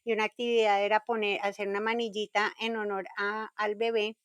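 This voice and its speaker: A woman in her fifties from Colombia with a Colombian accent, a podcast guest telling her story gently and reflectively. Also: medium pitch, level tone, brisk, dry recording. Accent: Colombian Spanish. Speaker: guest, intuitive communicator.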